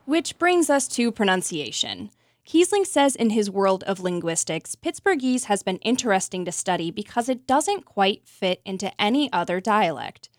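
A woman's voice: medium pitch, big pitch swings, normal speed, dry recording, clean studio sound. A woman radio host reading scripted explanatory narration for a public radio podcast.

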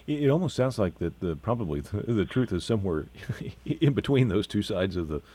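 Deep, husky male radio interviewer. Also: big pitch swings, brisk, dark tone. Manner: stumbling, repeats words when asking questions.

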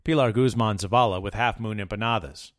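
A man, a radio reporter, reading a scripted news piece in a measured, even way. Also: lowish voice, dry recording, studio quality.

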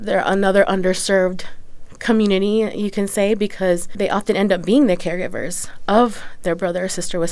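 A woman's voice: fairly low pitch, darkish tone, smooth. A woman giving earnest, methodical explanations as an interview guest. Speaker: nonprofit executive director, interview guest.

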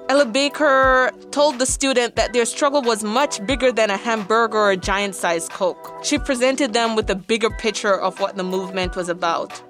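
A woman's voice: a little high, a bit bright. A woman with a Jamaican accent giving a conversational educational lecture, explaining things and checking in with the listener as she goes. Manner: explanatory, checks in with "right?" and "you know".

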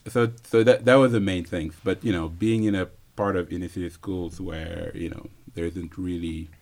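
A man in his thirties from Senegal, answering interview questions in an easygoing way, pausing with fillers and chuckling often. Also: sits low, steady tone, gravelly, a little mellow. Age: 30s. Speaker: interview guest, physicist.

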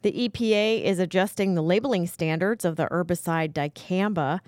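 A woman's voice: fairly low pitch, normal speed, a little mellow, no room sound, studio quality. An American woman anchoring a radio newscast, reading scripted news items.

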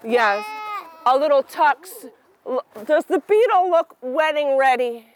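A sassy drag queen performs an animated read-aloud for small children. The voice is extremely high and swings widely in pitch. The delivery is unhurried, campy and theatrical, full of prompts to the listeners. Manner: theatrical, exclamatory, prompts the audience to call back. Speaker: storytime reader and performer for preschoolers.

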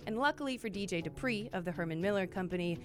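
A woman's voice: mid-range voice, lively intonation, fast, over music. A woman hosting a podcast, narrating in a scripted yet casual, upbeat way with occasional fillers. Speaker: podcast host.

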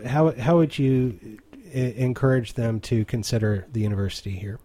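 A man's voice: medium pitch, steady tone, normal speed, warm tone. A man hosting an interview, talking conversationally and explaining terms for listeners. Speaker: radio host.

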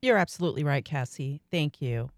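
Brisk radio talk show host, dry studio. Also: medium pitch, animated, dry recording. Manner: affirming, brisk, moves the talk along.

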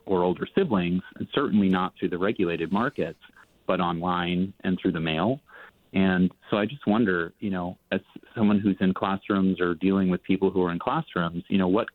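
A man calling in over the phone, his very low voice thin and tinny through the dry, narrow line. He speaks earnestly and at a measured pace, stopping often on ums and restarting his sentences as he works toward his question. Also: no echo. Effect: heard over a phone line. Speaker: caller to a radio call-in show. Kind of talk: call-in questions.

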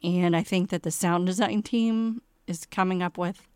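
A woman's voice: fairly low pitch, steady tone, normal speed, a little mellow, clear, resonant tone, no room sound, studio quality. A woman playwright being interviewed about her work, speaking candidly with a self-deprecating, wry humor. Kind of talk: interview conversation.

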